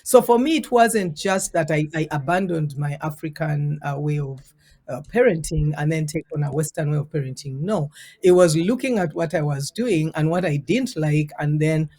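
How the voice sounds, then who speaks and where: A woman's voice: deep voice, moderate pace, mellow. A woman in her forties, raised in Uganda, speaking earnestly and reflectively as an interview guest about parenting, drawing out words for emphasis. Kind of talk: conversational interview storytelling.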